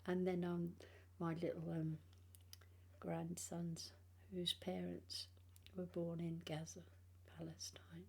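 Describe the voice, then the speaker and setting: An older British woman, in her sixties or beyond, chatting casually and haltingly in a personal vlog, sounding tired, with speech affected by missing front teeth. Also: fairly low pitch, flat delivery, vocal fry, dark tone, husky. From England. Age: 60s or older. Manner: halting, rambling, trailing phrases.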